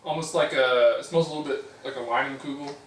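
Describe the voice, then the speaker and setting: A man's voice: medium pitch, steady tone, fast talker. A man co-hosting a beer review show in casual chat, talking hesitantly with many filler sounds and restarts. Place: home room. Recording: echoey room, mic at a distance.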